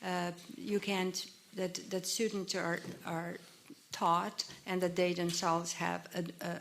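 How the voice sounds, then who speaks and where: A woman's voice: mid-range voice, slight background noise. A woman on a forum panel, speaking frankly with frequent restarts and hesitations. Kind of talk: panel discussion.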